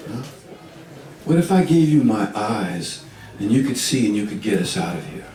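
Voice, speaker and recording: A man's voice: on the low side, very animated, normal speed, mellow, slight background noise. A man voicing an earnest male turtle on a quest, talking in a hesitant, pleading way, heard from a distance in a roomy store.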